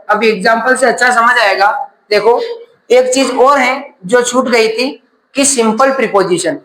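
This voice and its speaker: A man's voice: very high voice, fairly bright tone. Male teacher in an echoey room. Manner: asks questions and answers them himself. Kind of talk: classroom grammar lesson.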